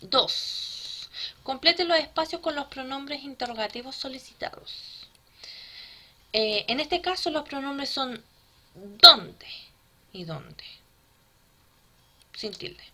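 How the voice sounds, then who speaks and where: A woman teaching a grammar lesson to children, patient and often checking with a quick "¿ya?". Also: sits high, lively intonation, sharp tone.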